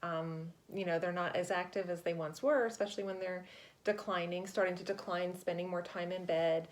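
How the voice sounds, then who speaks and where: Female hospice nurse, slightly low voice, careful explanatory interview delivery, tactful and measured. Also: fairly even intonation.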